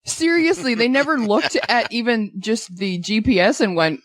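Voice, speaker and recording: A woman's voice: a little high, normal speed, no echo. A woman co-hosting a casual movie podcast, blunt and sarcastic, swearing freely as she picks apart a film. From Canada. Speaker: podcast co-host.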